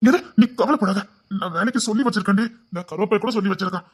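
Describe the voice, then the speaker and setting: An actor playing a jobless husband in a family drama, speaking Tamil with a Tirunelveli accent in an anxious, pleading way, at times slowed down by tears. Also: male voice, high-pitched, slightly rough. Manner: anxious, pleading, cries and slows when upset. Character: jobless husband, guilt-ridden and tender. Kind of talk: web series family drama.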